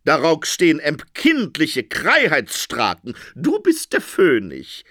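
A man's voice: fairly high pitch, wildly swooping pitch, takes it slowly, fairly bright tone, no room sound, studio quality, heavily acted. A man putting on a lusty, demanding queen. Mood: scandalized. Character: lustful demanding queen, grown woman.

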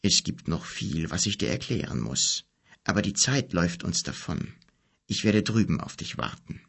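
A man reading an audiobook gives voice to a gentle, solemn wizard with a beard. The delivery is a low, unhurried, husky and gravelly near-whisper, with a tone that climbs and dips a lot in an expressive, fully realized character performance.

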